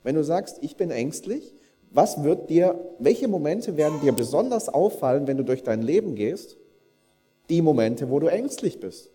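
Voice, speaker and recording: A man's voice: fairly high pitch, very animated, normal speed, dark tone, long reverb tail, faint music behind. A man preaching a conversational sermon, speaking directly to the congregation and acting out people's inner thoughts in quoted asides. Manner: conversational, addresses the congregation directly and polls them.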